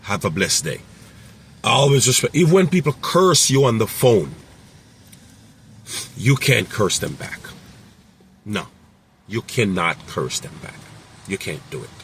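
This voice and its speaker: A man's voice: medium pitch, lively intonation, a little slow, long pauses, a bit bright, a little hiss or hum. A man who runs a mobile mechanic business, giving casual, rambling advice with many fillers and repeated phrases.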